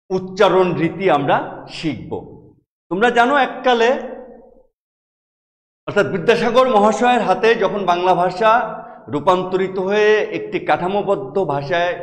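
A middle-aged man from Bangladesh, a Bengali professor giving a classroom lecture, explaining slowly and repeating key words. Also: high-pitched, lively intonation. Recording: echoey hall reverb.

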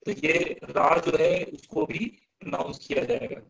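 A male teacher explains pronunciation to his class at an unhurried pace, breaking each point into small steps and checking in with students. His voice sits slightly high with a gravelly, fry-laced edge. He sounds out verses slowly, syllable by syllable. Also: animated, fairly bright tone, poor audio. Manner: patient, stepwise, asks students questions. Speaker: Sanskrit teacher.

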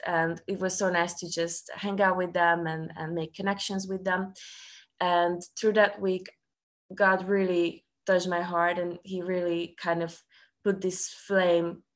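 A young woman from Serbia, a student ministry staff worker, sharing a personal story on a video call in earnest, halting speech full of fillers. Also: fairly low pitch, fairly bright tone. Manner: earnest, with frequent fillers and restarts. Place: small room at home. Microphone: laptop webcam on a video call.

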